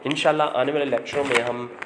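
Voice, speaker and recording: A man's voice: medium pitch, fairly even intonation, fast talker, background noise. Man teaching by repetition. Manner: asks himself questions and repeats answers. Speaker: language teacher. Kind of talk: online lesson narration.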